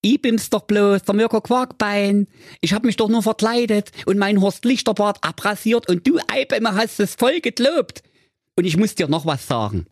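A man's voice: sits high, lively intonation, normal speed, dry recording, clean studio sound, voice pushed up. A man voicing a boastful young king who gloats about his pranks in a raised voice. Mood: smug. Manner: smug, boastful. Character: smug prankster king in disguise.

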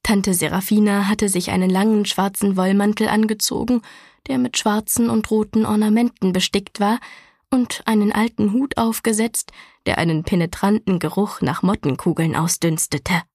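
A woman reads a children's novel aloud in a calm, even storytelling voice. Her pitch sits in the middle range, and the sound is dry and close with no room echo. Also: normal speed. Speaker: audiobook narrator. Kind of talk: scripted storybook narration.

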